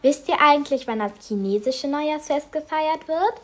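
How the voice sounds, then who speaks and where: A woman's voice: high-pitched, normal speed. A young school radio presenter cheerfully explaining a topic from her script.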